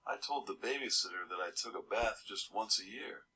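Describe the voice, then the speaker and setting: A man's voice: lowish voice, moderate pace, sharp tone, poor audio. A man reading a children's storybook aloud, adding casual, chuckling comments between pages. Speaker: storybook reader.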